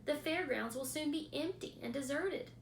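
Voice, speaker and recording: A calm female spider read by a woman speaks softly and steadily, firm but kind. Her voice has a slight gravelly edge. The echoey room is audible around her. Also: sits high, normal speed, a little hiss or hum, voice pushed up. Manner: quiet, soft, firm.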